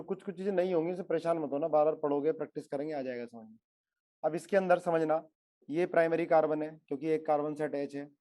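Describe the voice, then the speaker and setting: A man lectures a class on chemistry and keeps pressing his students to answer, repeating each question until they respond. His voice sits a little on the high side. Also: a little mellow. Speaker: chemistry teacher.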